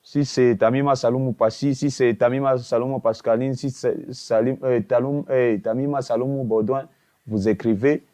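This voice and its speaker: A man's voice: mid-range voice, steady tone, moderate pace, mellow. A man hosting a casual tutorial, hesitant, with many filler sounds and restarts, and a habit of repeating the same stock phrase. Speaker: tutorial video host. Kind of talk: casual screen-walkthrough tutorial.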